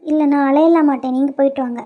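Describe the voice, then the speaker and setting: A woman with a Kanyakumari Tamil accent voicing a hurt, tearful young woman in a cartoon, talking haltingly and repeating words. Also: sits high, steady tone, narrow, tinny audio, natural voice. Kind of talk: cartoon voice acting.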